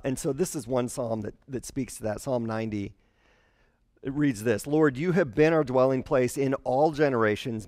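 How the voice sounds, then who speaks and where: A man in his forties preaches with a headset mic. His delivery is chatty and lively, and he slips into character voices when he quotes people. The sound is dry and close, with little room echo. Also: medium pitch. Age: 40s. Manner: conversational, animated, acts out quotes in character voices. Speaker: pastor. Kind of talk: sermon.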